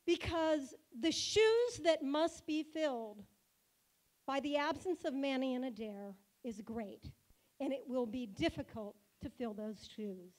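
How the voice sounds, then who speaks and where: A woman, the synagogue president, giving a joking, warm-hearted speech at a banquet held in a car museum hall. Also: high-pitched, unhurried. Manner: playful, joking speaker.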